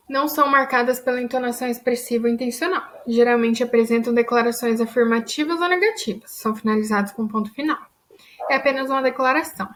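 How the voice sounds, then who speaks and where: A woman's voice: fairly high pitch, fairly bright tone, slight background noise. Woman teaching a grammar lesson. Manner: explanatory, checks in with frequent "tá?" and "ok?".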